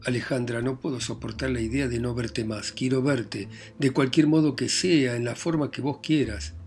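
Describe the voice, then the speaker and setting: A man's voice: mid-range voice, fairly even intonation, moderate pace, a little mellow, faint music behind, natural voice. A man reading a desperate, pleading young lover. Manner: pleading and insistent.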